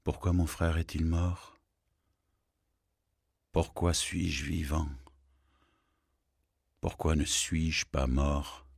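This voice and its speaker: A man's voice: very deep voice, fairly even intonation, very slow, vocal fry, long pauses, no room sound, studio quality. A man performing spoken-word poetry with jazz, chanting and repeating lines, dropping at times into a whisper. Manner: incantatory, repetitive, shifts from shouting to whispering. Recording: jazz music playing behind. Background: saxophone jazz.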